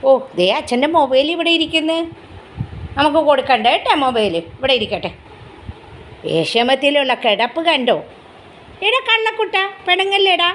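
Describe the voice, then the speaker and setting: A woman's voice: sits high, normal speed, long pauses, slight background noise. A woman, filming at home on a phone and talking to her pet dog in fond, sing-song baby talk. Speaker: pet vlogger. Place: home indoors.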